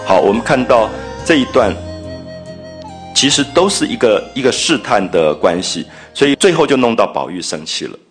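A man's voice: mid-range voice, sing-song, normal speed, over music. A man lecturing on a classic novel, explaining scenes in a conversational way and paraphrasing the characters' words with emphasis. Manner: conversational, paraphrasing and acting out quotes with rising emphasis.

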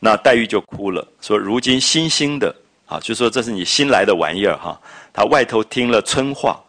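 A man lecturing on a classic novel, retelling scenes and explaining old phrases in a chatty, lively way. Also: on the low side, normal speed. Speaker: literature lecturer. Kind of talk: storytelling literature lecture.

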